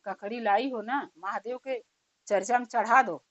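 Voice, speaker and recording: A woman's voice: a little high, normal speed, no room sound, natural voice. Storybook grandson, earnest and insistent, played by a woman storyteller. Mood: pleading. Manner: pleading, insistent. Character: honest pleading young grandson.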